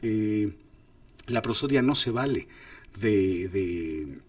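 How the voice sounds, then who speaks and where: A man's voice: lowish voice, animated, takes it slowly, no echo. A middle-aged man hosting a casual acting masterclass, explaining ideas and acting out lines in exaggerated voices. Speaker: host and filmmaker teaching acting. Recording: distant mic, dry sound.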